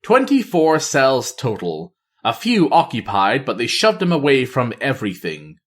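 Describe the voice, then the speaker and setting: A man narrating a novel aloud in a middle-range voice. His delivery is expressive, with pitch that rises and falls freely from phrase to phrase. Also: a little slow. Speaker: storyteller.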